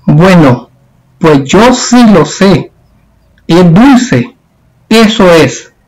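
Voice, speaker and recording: A man's voice: high voice, sing-song, extremely slow, darkish tone, full character voice, rough recording. A man reading as a stern scolding aunt.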